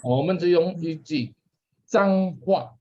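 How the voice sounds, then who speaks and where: Heard through a dull lo-fi recording, a man with an Indonesian accent teaches a church Bible class slowly, his voice a little high and dark. He chats casually, asks questions, and repeats important words.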